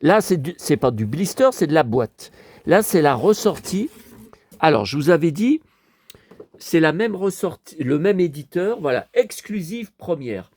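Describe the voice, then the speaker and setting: Talking directly to the audience, a man chattily tours his toy collection. His voice is a little high yet darkish, very animated, and a bit slow.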